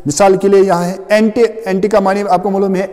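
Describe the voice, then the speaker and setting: A man's voice: high-pitched, level tone, a little fast, mellow, long reverb tail. A male teacher giving a classroom grammar lecture, explaining step by step and often checking what the students already know.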